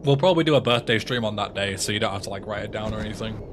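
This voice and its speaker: This streamer and speedrunner from England, a man in his twenties, races along in a voice on the low side against a noisy background. Speaking with an English accent, he casually answers his viewers' messages aloud during a livestream.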